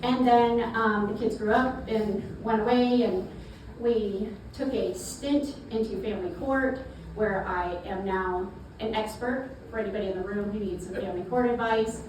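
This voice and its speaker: A middle-aged woman with a South Carolina accent talks to a live audience as a guest at a networking event, folksy and chatty, repeating words. Her medium-pitched, darkish voice moves at a normal pace, picked up from far off in an echoey, noisy event space.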